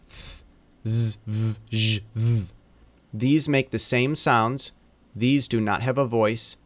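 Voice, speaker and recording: A man teaching phonics and spelling in a slow narration, sounding out letters and vowel sounds one by one. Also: medium pitch, dry recording.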